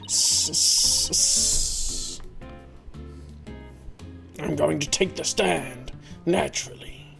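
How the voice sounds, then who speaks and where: A woman's voice: low voice, slow pace, vocal fry, a bit bright, soft background music, pitched below the performer's own voice, exaggerated voice. Woman doing a hissing, sneaky snake-voiced student. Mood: shadowy, conspiratorial. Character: sneaky, secretive snake-like young woman student hiding in a box. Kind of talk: video game character read aloud.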